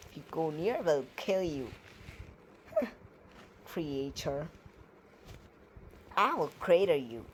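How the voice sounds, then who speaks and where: A woman's voice: sits low, a little hiss or hum, rough recording. A woman reading poems aloud and reviewing them in casual commentary, with sarcastic, playful, ranting asides. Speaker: poetry reviewer.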